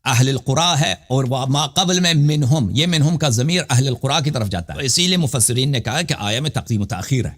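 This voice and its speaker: Insistent, bright-voiced cleric. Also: male voice, medium pitch. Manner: insistent, repeatedly challenging the other to recite the verse; explains grammar in a lecturing tone. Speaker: cleric in a debate. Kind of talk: debate and Quran exposition.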